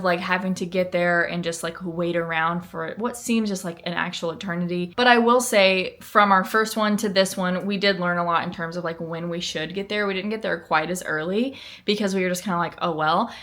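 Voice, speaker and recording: A woman vlogger talks informally to the camera. Her voice is bright and forward, at an average pitch for a woman. She is chatty and conversational, peppering her sentences with "like.". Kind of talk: casual vlog chat to camera.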